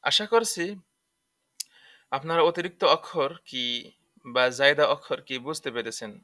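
With a fairly high, expressive voice and a sharp tone, a man leads a tajweed lesson at a moderate pace. He spells out each letter and vowel mark of Quran recitation individually, patiently repeating the rules, in a dry, clean studio recording.

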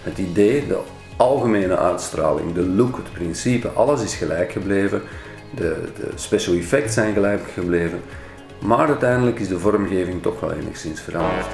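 A man with a Flemish accent gives a measured account of how a design had to change. His voice is very deep and gravelly, with a roomy echo around it. Faint music plays underneath. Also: expressive. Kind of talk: documentary narration.

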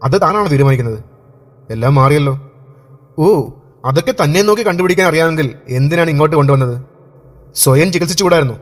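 A man's voice: on the high side, expressive, fast talker, pauses often, natural voice. A man voicing a controlling young husband who talks in a curt, mocking way. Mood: sneering.

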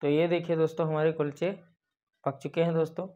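The young baker behind this cooking channel has a dark, level, highish voice and moves briskly through a step-by-step recipe voice-over, addressing viewers as friends again and again. Recorded on a lapel mic, it's dull and lo-fi with a little hiss or hum.

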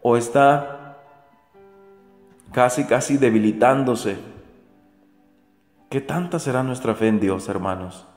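A man preaching with earnest, repeated questions to his listeners. His voice sits at an ordinary middle pitch and rings with a long reverb. Soft music plays underneath. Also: takes it slowly, pauses often. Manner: earnest, repetitive rhetorical questions to the faithful. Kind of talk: daily gospel reflection. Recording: echoey room with soft music.

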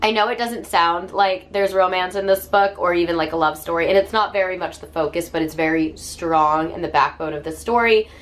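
A woman's voice: fairly low pitch, fairly quick, few pauses. Woman with a cold, gushing about books. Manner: enthusiastic, gushing, with fillers. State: hoarse from a cold. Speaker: book reviewer. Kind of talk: casual book review vlog.

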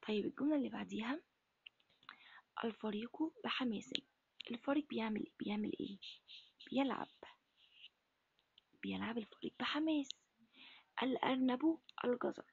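A woman teaching Arabic to first graders in an Egyptian accent, asking questions and answering them herself in a breathy, half-whispered voice. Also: fairly high pitch, a little fast, long pauses, darkish tone, dull audio. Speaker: primary school Arabic teacher. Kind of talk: recorded lesson for first graders.

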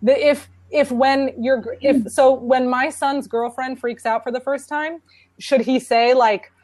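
A woman's voice: sits high, fairly even intonation, unhurried, a little mellow, no room sound. A woman speaking on a panel about parenting, in an earnest, conversational way. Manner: earnest, conversational, many restarts. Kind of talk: casual conference talk.

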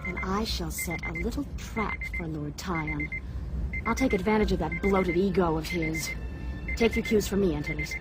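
An actress playing a proud, resolute young princess in a radio drama, poised and assertive. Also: female voice, fairly low pitch, normal speed, close to an everyday voice. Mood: determined. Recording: dramatic music behind the voice.

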